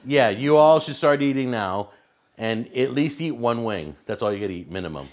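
A man's voice: medium pitch, lively intonation, moderate pace. A middle-aged man casually hosting a food challenge in a home kitchen, talking to the camera and guests. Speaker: host and cook of a hot wing challenge.

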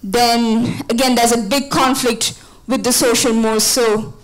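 Young woman from India in the audience, bright-pitched, thinking aloud through a long question. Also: fairly even intonation, a little slow, faint music behind, rough recording. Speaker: audience member asking a question. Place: conference hall. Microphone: handheld microphone.

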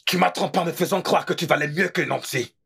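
An actor dubbing an exasperated, sarcastic husband who rants theatrically and pities himself, with a gravelly, raspy voice. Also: male voice, on the high side, quick pace, fairly bright tone, heavily acted. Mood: bitter ranting. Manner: theatrical, self-pitying rants. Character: exasperated sarcastic husband, middle-aged man. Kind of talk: dubbed film acting.

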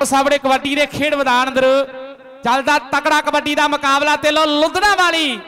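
Piercing high-voiced man commentating kabaddi. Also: little pitch movement, bright, forceful tone. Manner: declaims folk verses, repeats phrases rapidly.

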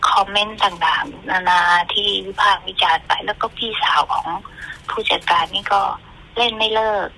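A middle-aged woman giving an earnest, halting account in an interview as a mother, often repeating herself. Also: mid-range voice, vocal fry, sharp tone, rough recording.

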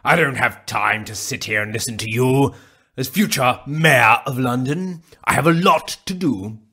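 An actor playing a gloating, vain rat king in a radio pantomime, sneering his rhymes in a drawn-out way. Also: mid-range voice, bright, forceful tone, husky. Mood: scornful. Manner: sneering, rhyming, drawn-out delivery. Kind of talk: pantomime radio play acting.

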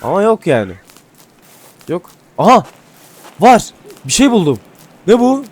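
A man giving casual gameplay commentary, excitable and swearing casually, then dropping to mumbling asides. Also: sits high, a little slow, husky. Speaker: gaming YouTuber. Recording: faint music behind.

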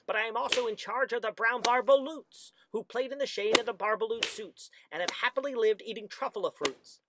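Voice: medium pitch, fairly quick, very noisy, pitched above the performer's own voice, close to an everyday voice. A reader voicing a small grumpy creature who guards the trees, scolding in rhyme and stopping to cough. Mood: stern, pleading. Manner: scolding, rhyming, stops to cough. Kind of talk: storybook reading.

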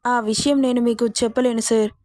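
A woman's voice: fairly high pitch, little pitch movement, brisk, darkish tone, no room sound, studio quality, natural voice. A woman voicing a proud young heroine, hurt and defiant. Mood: pleading. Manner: pleading then defiant, earnest.

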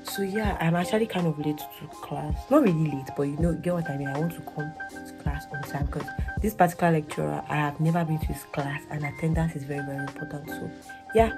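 A young woman with a Nigerian accent vlogging at home, ranting about a hard week with exasperated, animated talk. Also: deep voice, fast talker, music in the background. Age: young adult. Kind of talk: casual vlog rant. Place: indoors, living room. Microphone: phone camera.

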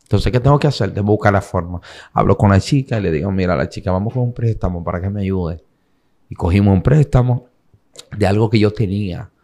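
A young Dominican man with a Cibao accent tells his story as an interview guest, speaking fairly quickly in a fairly low voice. His retelling is animated, and he acts out in quotes what other people said.

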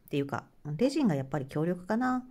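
Lively mellow woman chatting while crafting. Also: lowish voice, rapid-fire, slight background noise. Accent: Hokkaido Japanese. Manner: chatty, laughs often, murmurs to herself while working. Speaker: craft channel host. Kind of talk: casual craft tutorial chat.

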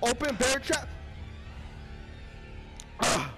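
Excitable, profane man, high and lively. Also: very slow. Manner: profane, excitable, talks to the screen. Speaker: gaming commentator. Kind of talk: let's play commentary. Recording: game music behind.

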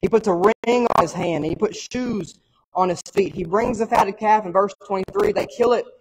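A man's voice: high voice, moderate pace, long reverb tail, slight background noise, poor audio. A male pastor from the preaching an earnest sermon and repeating phrases for emphasis.

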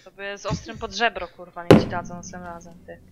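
A woman's voice: fairly low pitch, steady tone, fast talker, darkish tone, muffled recording, a little hiss or hum. A woman moderating a stream, teasing and nagging the streamer with heavy swearing in casual bickering chat. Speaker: channel moderator.

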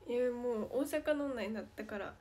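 A woman's voice: fairly high pitch, normal speed, a crowd in the background. A young woman with a Kansai Japanese accent, chatting playfully on a livestream as she reads fan comments aloud and answers them. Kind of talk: casual livestream chat.

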